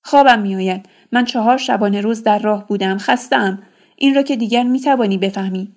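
A woman's voice: medium pitch, darkish tone, close to an everyday voice. Woman doing a worn-out young healer, short answers, audiobook. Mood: weary. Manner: tired, curt. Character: weary young healer, tired and curt.

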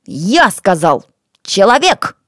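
A woman's voice: medium pitch, sing-song, takes it slowly, no room sound, studio quality. A woman voicing a bold village boy who bosses people around while pretending to be a demon. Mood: commanding. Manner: commanding, gruff.

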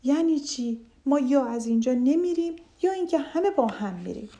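A cheerful, loyal duck from a children's fable chimes in with eager enthusiasm, as a woman storyteller puts it on. The voice is warm and mellow, on the high side for a woman. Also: animated.

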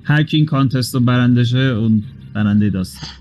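A man's voice: mid-range voice, darkish tone, highs cut off, soft background music. A man running a tabletop game as game master, walking the players through the rules step by step and dropping English game terms into his speech.

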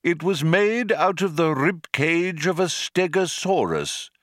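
Brief: man playing a fretful, pottering elderly man, slightly higher, close and dry. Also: very animated, takes it slowly, fairly bright tone, dry recording, full character voice. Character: fussy, rambling old man.

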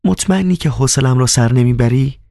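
A man's voice: medium pitch, gravelly, dark tone, no room sound, studio quality, pitched above the performer's own voice, lightly acted. A man voicing a proud, cold young woman with a biting, teasing manner in an audiobook. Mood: cold, haughty. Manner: biting, haughty, coquettish. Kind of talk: audiobook character voice.

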